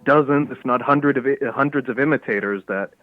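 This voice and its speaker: A man's voice: mid-range voice, fairly quick, phone-quality sound, faint music behind. A young man from Canada and Somalia, calling in and telling a rambling story in casual chat over the phone. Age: young adult. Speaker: caller.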